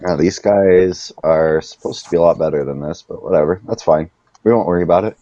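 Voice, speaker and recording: Man, game master, deep voice, warm and dark tone, casual narration, dull lo-fi sound. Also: brisk. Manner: casual, exclaims at bad rolls.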